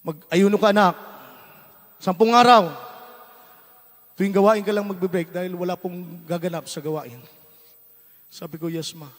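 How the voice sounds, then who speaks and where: A man with a Filipino accent preaching a testimony sermon, moving from quiet storytelling to shouted praise. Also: high-pitched. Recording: long hall reverb with faint music.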